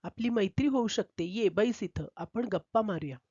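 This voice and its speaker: A woman's voice: mid-range voice, moderate pace, a little mellow, husky, no room sound, natural voice. A woman doing a chatty, lonely cat. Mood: coaxing. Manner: coaxing, chatty. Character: lonely male cat eager for a friend. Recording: dull, dry lo-fi recording.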